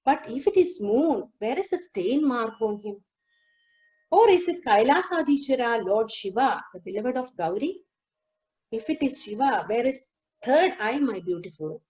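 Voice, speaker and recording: Woman, lecturer, higher pitch, careful explaining pace, video call audio. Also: very animated, a little mellow, rough recording. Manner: explains song text line by line, sings verses slowly. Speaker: lecturer on Carnatic music. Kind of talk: lecture demonstration with sung lines.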